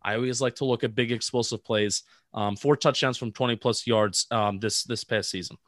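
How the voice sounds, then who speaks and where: A man with a mid-range voice running through football numbers one after another at a measured pace. His voice is dry and close-miked, and the talk stays casual. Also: medium pitch, fairly even intonation, a bit bright, no room sound. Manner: reels off statistics, measured. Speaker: podcast co-host. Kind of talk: casual sports analysis chat.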